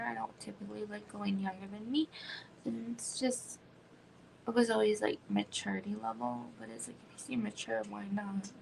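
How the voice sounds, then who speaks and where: Woman in her thirties, home livestream host, gravelly voice, rambling chatty delivery full of "like". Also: medium pitch, darkish tone, a little hiss or hum, low-quality recording. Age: 30s. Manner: rambling, frequent "like" fillers, drops into whispers. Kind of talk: casual chat.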